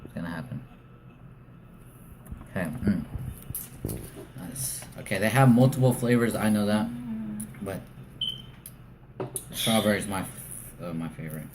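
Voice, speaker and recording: Deep-voiced man chatting through a snack tasting. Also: big pitch swings, measured pace, long pauses. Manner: chatty, offhand, jokey commentary. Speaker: vlog host. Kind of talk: casual snack taste-test chat. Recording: noisy home recording.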